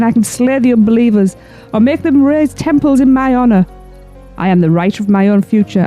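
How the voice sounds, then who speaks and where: A woman voicing an ancient female demon who has taken over a wife's body, speaking in a slow, menacing voice. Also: warm tone, natural voice. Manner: slow, menacing, low and grand. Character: ancient female demon possessing a wife, gloating.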